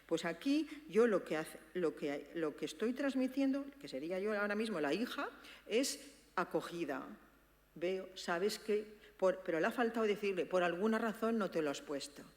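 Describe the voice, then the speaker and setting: A woman from presents to a live audience in a large, reverberant hall. She teaches in an animated, direct way, acting out example conversations as she goes. Her voice sits at a middle pitch, and the long echo of the hall trails behind it. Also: normal speed. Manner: lively, acts out sample dialogues and addresses listeners directly. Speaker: speaker presenting a book on active listening.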